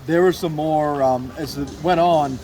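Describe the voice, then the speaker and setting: With music behind him outdoors and a bit of background noise, a young man in his twenties talks eagerly and informally about his job as a baseball team's PA announcer and radio producer. His voice is on the high side with a darkish tone, and his pace is a little slow.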